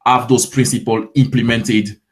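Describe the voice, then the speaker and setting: A man's voice: medium pitch, little pitch movement, moderate pace. A man in his twenties from Ivory Coast with a French accent, a fitness coach answering interview questions in a friendly way, often repeating words as he starts.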